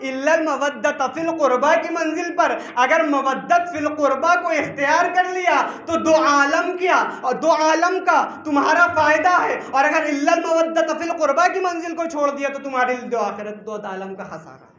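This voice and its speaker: A man preaching a sermon at a religious gathering, repeating phrases for emphasis, reciting Arabic verses and rising to shouts. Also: extremely high pitch, moderate pace, hardly any pauses. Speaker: cleric preaching at a majlis. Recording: echoey hall, muffled lo-fi sound.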